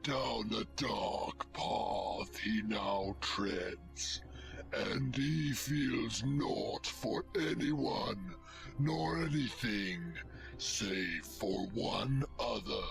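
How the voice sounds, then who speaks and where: An undead ghoul ferryman for a fantasy game. The voice crackles with gravel and drags out each portentous word in a bitter, horror-host manner. Music plays softly underneath. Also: heavily acted. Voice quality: deep, resonant, creaky, throaty.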